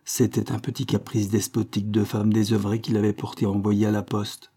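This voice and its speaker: A man narrating a classic novel in a calm, measured audiobook reading. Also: lowish voice, slightly rough. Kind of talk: scripted literary narration.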